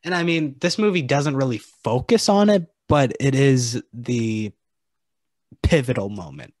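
A man's voice: medium pitch, lively intonation, a little slow, darkish tone, no room sound, studio quality. A man co-hosting a podcast, talking through ideas thoughtfully with some hesitation and stammered starts. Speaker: podcast co-host. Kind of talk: casual movie discussion.

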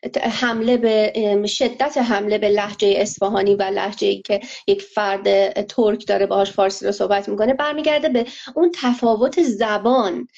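A woman answering interview questions in a measured, analytical way, pausing often with fillers. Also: a little high, darkish tone. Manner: measured, hesitant, many filler pauses. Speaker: interview guest. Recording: lo-fi muffled audio.

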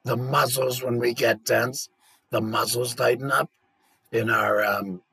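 A man with a gargly laryngectomy voice made through the esophagus with a valve, giving an informal educational talk and pausing to swallow and clear mucus. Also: mid-range voice, fairly even intonation, pushed and bright, dry recording. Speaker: patient educator.

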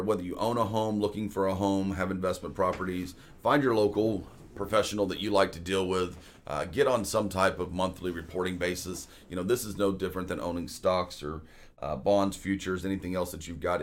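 A man in his 40s with a deep voice hosts a real estate podcast, keeping the talk show casual and conversational with frequent fillers.

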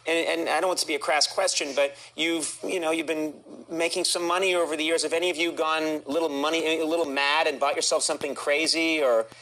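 A man's voice: fairly high pitch, fairly even intonation, sharp tone, low-quality recording. A man hosting a talk show interview, joking and restarting his sentences. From United States. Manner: joking, halting restarts, playful impressions.

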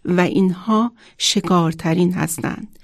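A woman's voice: lowish voice, steady tone, dry recording, clean studio sound, natural voice. A woman voicing a wise howling wind spirit. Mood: hushed.

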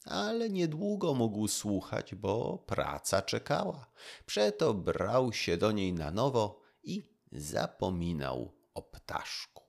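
Man reading a bedtime fairy tale, slow and soft, voice rises and falls a lot. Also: lowish voice, sing-song, creaky. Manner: gentle, unhurried storytelling. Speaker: narrator.

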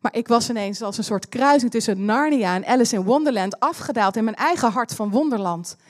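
Woman, preacher, fairly high voice, personal testimony sermon, chatty storytelling, English phrases mixed in. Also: a little fast. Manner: chatty, laughing asides.

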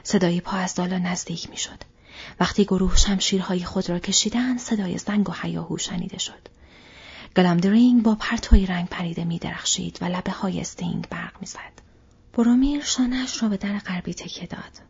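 A woman narrating a fantasy story as an audiobook in whispered role-play, with a steady, breathy whisper. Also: fairly low pitch, highs cut off.

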